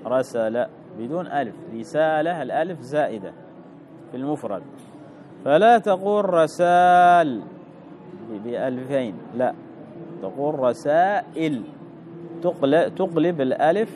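A man teaching Arabic grammar, reading a text and explaining it slowly, repeating key words and putting questions to the listener. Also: medium pitch, animated, warm tone, slight background noise.

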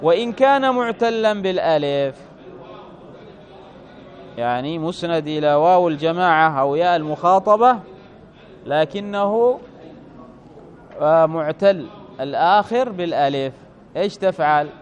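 High-voiced man teaching grammar. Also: animated. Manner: questioning, drawn-out stresses on examples. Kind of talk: classroom grammar lesson.

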